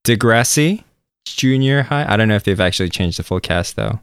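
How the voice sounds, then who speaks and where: A man with a lowish, resonant voice talks in a loose, meandering way. He sounds relaxed and pokes fun at himself. The sound is close and dry, with no room around it. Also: fairly quick, smooth, no room sound. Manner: relaxed, rambling, self-deprecating. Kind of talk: casual chat.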